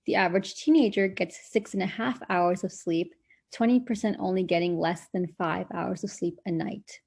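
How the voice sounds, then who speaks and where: A woman's voice: on the low side, fairly even intonation, normal speed, vocal fry, a little mellow, husky. A woman in her twenties from Brooklyn, a nursing student reading a health presentation on a video call with small hesitations. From Brooklyn, New York, US. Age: 20s. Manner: reads statistics with small "um" fillers.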